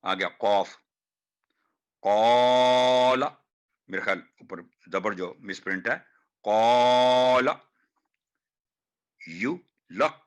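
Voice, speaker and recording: A man teaching Quran recitation, demonstrating hard words slowly and repeating each one. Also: deep voice, sharp tone. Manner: slow, drawn-out demonstration of each word, repeated. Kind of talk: online pronunciation class.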